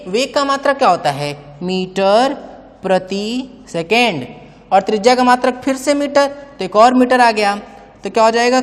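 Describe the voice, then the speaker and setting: A man teaching a physics class, asking questions and then answering them himself, and often calling his students "bhai". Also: sits high. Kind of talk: chalkboard physics lecture. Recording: long reverb, roomy classroom sound.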